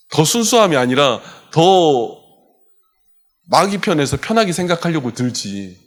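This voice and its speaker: A male pastor preaching a sermon in a church, with impassioned delivery that swings from loud urgency to hushed softness. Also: medium pitch. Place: church sanctuary.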